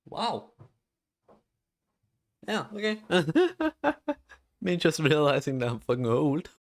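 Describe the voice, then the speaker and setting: A man's voice: fairly high pitch, big pitch swings, slow pace. An eighteen-year-old man streaming live, chatting casually while he codes, rambling with lots of "like" fillers and frequent swearing.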